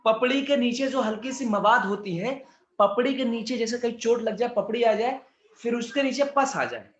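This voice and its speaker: A man's voice: very high voice, normal speed, a bit bright, echoey room, lo-fi sound. A male biology teacher giving a chatty exam-prep lecture with words, asking his students' questions in his own voice.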